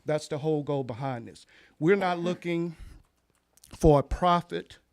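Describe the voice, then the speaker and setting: A man's voice: fairly high pitch, measured pace, creaky, a little mellow. A man, a pastor, earnestly addressing a town council meeting, repeating key phrases with some fillers. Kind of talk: public comment at council meeting.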